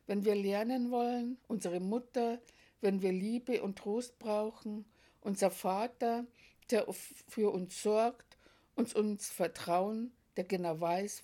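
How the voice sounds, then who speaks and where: Slow, mellow-voiced devout woman. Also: mid-range voice. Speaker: devotee telling personal experiences. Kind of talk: slow devotional testimony reading.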